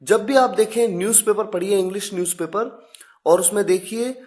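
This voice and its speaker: A woman teaching English pronunciation in a scripted video lesson, slowly spelling words out letter by letter. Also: medium pitch, darkish tone.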